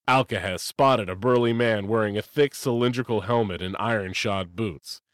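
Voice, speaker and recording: A man narrating a story expressively, lifting his pitch for emphasis. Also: moderate pace, dry recording, studio quality.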